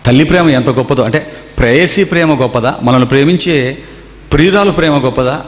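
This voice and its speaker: A man's voice: mid-range voice, brisk. A man preaching a sermon to a gathering. He tells stories and keeps firing rhetorical questions at his listeners. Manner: storytelling with rhetorical questions to the audience. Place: seminar hall. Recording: echoey hall with long reverb.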